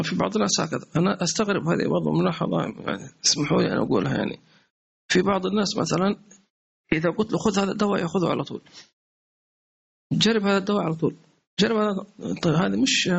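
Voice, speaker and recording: A male religious teacher, giving a sermon-style lesson in a conversational, animated way and repeating words for emphasis. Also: high-pitched, vocal fry, slightly rough. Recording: dull lo-fi stream audio.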